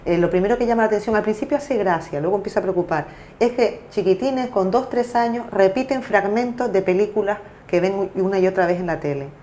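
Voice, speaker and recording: A woman's voice: mid-range voice, a little fast, dark tone, a little hiss or hum. Chatty woman in her forties. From Canary Islands. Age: 40s. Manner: talkative, many fillers and self-corrections. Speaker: interviewee, parent and association president. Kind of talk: explanatory interview talk. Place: local TV studio.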